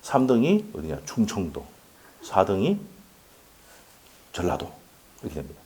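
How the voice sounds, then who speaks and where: A man's voice: lowish voice, huge pitch swings, measured pace, a little mellow. A man giving a casual law lecture to a class, asking questions and answering them himself and laughing often. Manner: laughs often and jokes with students.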